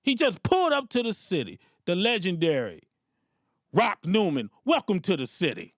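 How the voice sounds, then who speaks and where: A man hosting an interview podcast, talking in an emphatic, animated street-talk manner. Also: high-pitched, normal speed, no room sound, studio quality. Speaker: podcast host.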